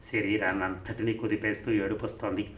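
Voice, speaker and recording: A man reading a story aloud as an audiobook narrator, at a steady, even pace. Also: on the low side, a little fast. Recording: roomy recording, faint noise.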